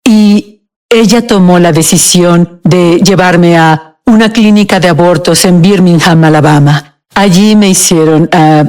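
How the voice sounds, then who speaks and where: A woman giving a halting, emotional personal testimony as a guest in a TV interview. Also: on the low side, a little mellow.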